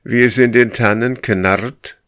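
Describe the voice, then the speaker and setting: A man voicing a male elk who calls out urgently and mournfully, his voice pushed up high and loud. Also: fairly even intonation, slow pace, clean tone. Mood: urgent calling. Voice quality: roaring. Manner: loud calling, raised pitch.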